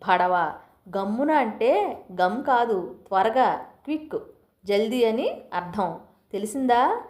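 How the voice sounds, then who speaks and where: A stern middle-aged husband, read by a woman narrator, lays down the house rules in a firm, instructive tone. The voice sits a little high. A roomy echo hangs around it. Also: big pitch swings, slow, a little mellow. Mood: teasing.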